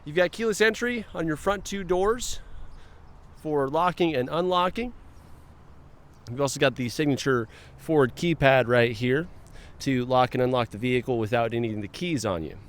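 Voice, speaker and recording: A man's voice: mid-range voice, moderate pace. Chatty man narrating a car walkaround. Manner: friendly, chatty, remarks to himself as he goes. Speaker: car dealership presenter. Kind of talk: casual vehicle walkaround narration. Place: outdoors around a car, then inside it.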